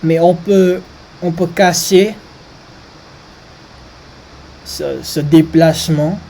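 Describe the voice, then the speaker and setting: A maths presenter speaking French as a learned language, with a foreign accent. The delivery is extremely slow and halting, searching for words, in a soft, mellow tone. There is clear background noise in the recording. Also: medium pitch, steady tone, poor audio. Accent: foreign, non-native French. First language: not French. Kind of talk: informal maths lesson.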